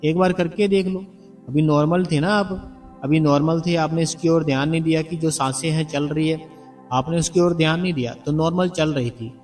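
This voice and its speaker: A man's voice: a little high, steady tone, normal speed, a little mellow. A man giving a devotional talk to the congregation, explaining earnestly and repeating his points to coax the listeners. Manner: earnest, repetitive, coaxing explanations. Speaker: spiritual narrator addressing the congregation. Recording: distant mic with background music.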